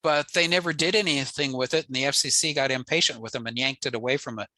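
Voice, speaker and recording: An older American man, an amateur radio enthusiast, gives an informal technical slide talk over a video call from indoors, speaking fast in a plain, matter-of-fact way. His medium-pitched voice sounds pushed and bright, and the recording is dry.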